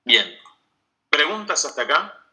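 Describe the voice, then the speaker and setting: A man lectures medical students in an online class. His voice is very bright and sharp, and he keeps checking understanding with a quick "¿sí?" as he explains each point. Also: on the high side, animated, poor audio.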